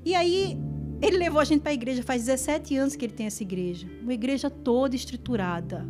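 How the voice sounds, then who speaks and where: High-voiced woman preaching. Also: quick pace, music in the background. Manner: animated, preaching fervently then telling a story conversationally. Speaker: minister. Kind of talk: sermon with storytelling. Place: church.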